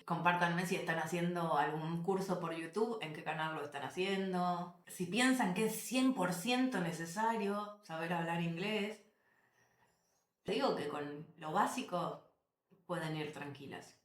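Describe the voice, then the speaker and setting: A woman, telling travel stories to camera as a vlogger, animated and emphatic, repeating phrases and addressing viewers directly. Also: on the low side, a little slow. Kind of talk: casual storytelling to camera. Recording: roomy echo.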